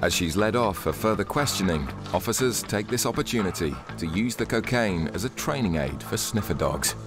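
A man narrating a documentary in a measured, scripted voice-over. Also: lowish voice, expressive. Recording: studio voice-over with loud music behind.

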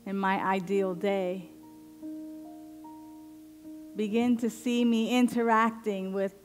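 A woman minister leading a guided affirmative prayer in slow, deliberate, meditative phrases with long pauses. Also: mid-range voice, a little mellow. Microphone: headset microphone.

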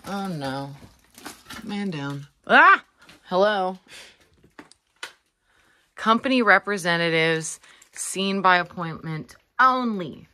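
This young woman vlogs her exploration of a flooded, abandoned basement, joking casually with viewers as she wades through the sludge. She speaks slowly with frequent pauses, in a lowish, expressive voice that sounds pushed and bright, captured on noisy handheld camera audio.

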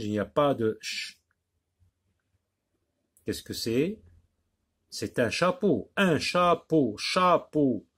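A man's voice: medium pitch, husky. A man teaching a phonics lesson to young children, patiently repeating and stretching out each word.

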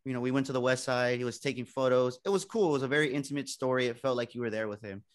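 A young man from San Antonio tells students about his start as a reporter. He sounds casual and likes to laugh at himself, and he acts out the people he quotes. His voice sits at an ordinary middle pitch. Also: racing. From San Antonio, Texas. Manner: chatty, self-joking, acts out quoted people. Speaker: guest speaker, TV reporter. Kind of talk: casual talk to a student audience.

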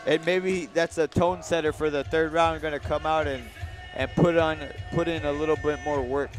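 Male fight commentator, casual, slightly high voice, clear music underneath. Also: steady tone, normal speed. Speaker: boxing commentator. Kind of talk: casual live sports commentary.

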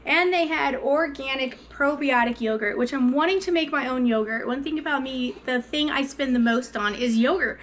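A woman in her thirties with a fairly high voice, vlogging from her home kitchen. She talks to her viewers in a chatty, upbeat and eager way. A faint background hum sits under her voice. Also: fairly bright tone. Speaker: vlogger, mother. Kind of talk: casual chatty vlog.

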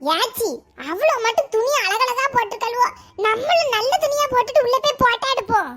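A woman's voice: very high voice, a little fast, fairly bright tone. A woman voicing a cheeky young village woman in a cartoon who pleads for new clothes. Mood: pleading.

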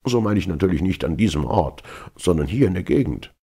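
An older sailor holds forth with great certainty, as a man puts him on, his very deep voice gravelly. He lingers over every rumor like a gossip with a story in this storybook reading. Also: expressive, fairly quick, mellow, exaggerated voice. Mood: gossipy. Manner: assertive, storytelling.

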